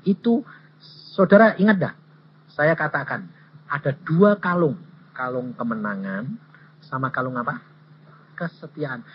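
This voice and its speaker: A male evangelist preaching a sermon, telling stories and acting out dialogue in an animated way. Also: a little high, breathy edge. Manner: animated, acts out dialogue, raises voice. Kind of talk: sermon with personal storytelling. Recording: dull lo-fi recording.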